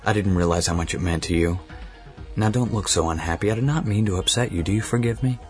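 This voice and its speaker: A man playing a doting researcher husband who speaks gently and a little hesitantly, with faint music underneath. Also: low-pitched, fast talker, lightly acted. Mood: soothing.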